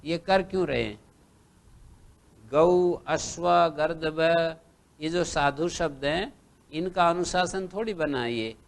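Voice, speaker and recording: A man teaching Sanskrit grammar in a classroom lecture. He recites lines from old texts and then explains them slowly, one step at a time. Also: fairly high pitch, expressive, creaky. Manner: slow, recites text then explains, lists letters one by one.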